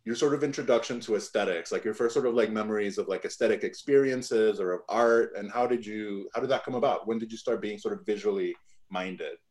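A man's voice: lowish voice, a little fast, a little mellow. Chatty male podcast host. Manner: hesitant, many "like" fillers. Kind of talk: conversational interview.

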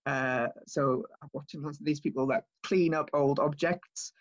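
A man's voice: fairly high pitch, steady tone, normal speed, muffled recording. A male comedian chatting casually over a video call, rambling with frequent laughs and restarts. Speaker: comedian guest. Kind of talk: casual chat.

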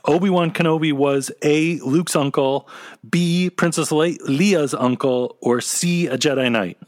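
A man's voice: a little high, measured pace, no echo, clean studio sound. A man chatting casually as co-host of a fan podcast.

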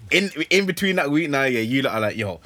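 A man's voice: on the high side, animated, quick pace, pushed and bright, dry recording. A man with a London roadman accent and slang, talking in casual podcast banter.

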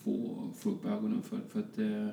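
A man from Colombia talks casually as a fashion designer guest, rambling and restarting often. His voice is low, dark and gravelly. He sounds distant in an echoey room. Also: monotone, slight background noise. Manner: rambling, many fillers and restarts. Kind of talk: casual interview chat. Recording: roomy echo, distant from mic.

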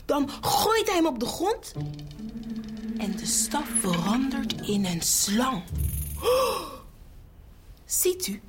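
A woman narrating a children's storybook in an animated, expressive way. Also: high-pitched, slow pace, loud music behind the voice.

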